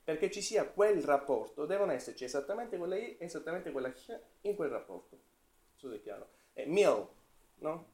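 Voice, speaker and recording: A man's voice: fairly high pitch, very animated, fairly quick, a little mellow. A man from Italy giving an academic talk on linguistics to a class, thinking aloud, with fillers and self-corrections. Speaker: seminar presenter.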